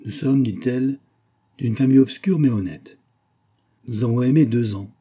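A man's voice: normal speed, dark tone, breathy edge, close to an everyday voice. A man reading aloud, raising his voice to voice a knowing, teasing young woman friend in a storybook novel. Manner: raised pitch for young woman.

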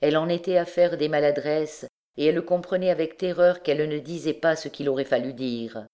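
A woman narrating a classic novel as an audiobook in a measured, even way. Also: deep voice. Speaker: audiobook reader.

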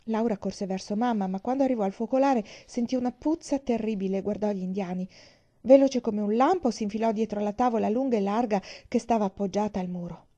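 A woman reading a children's novel aloud, in a gentle, measured storytelling voice. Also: mid-range voice, muffled recording. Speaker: audiobook reader.

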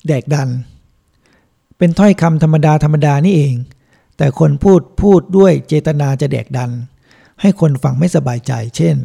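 This is audiobook narration by a male monk reading from a book, his delivery calm and steady. The voice has a mellow, gravelly texture and sits a bit high.

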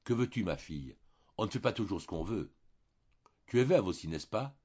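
Casting: a frail, tender older lady, read by a male narrator, soft and husky, dull sound. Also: on the low side, big pitch swings, normal speed, exaggerated voice. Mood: tender, sorrowful. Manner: soft, trembling speech.

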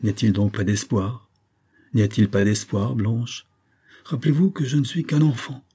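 A man's voice: fairly low pitch, level tone, unhurried, warm tone, breathy edge. A man voicing a shy, lovesick young schoolmaster in an audiobook, pouring out his feelings. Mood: passionate. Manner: passionate, trembling.

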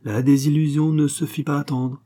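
A man reads a classic novel aloud as an audiobook narrator. His voice is husky and dark, and his delivery is measured and literary. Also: fairly high pitch, level tone. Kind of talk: scripted narration.

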